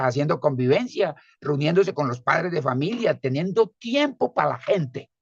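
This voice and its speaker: Husky-voiced man lecturing conversationally. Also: mid-range voice, dry recording. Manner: conversational, frequent tag questions. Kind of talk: spoken lecture. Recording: dull lo-fi recording.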